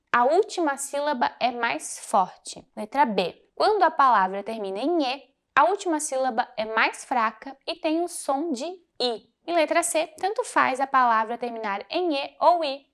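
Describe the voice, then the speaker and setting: A woman teacher working through a textbook lesson one exercise at a time, explaining in a clear, patient way. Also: high-pitched, animated, moderate pace, hardly any pauses, fairly bright tone. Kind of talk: recorded class walkthrough.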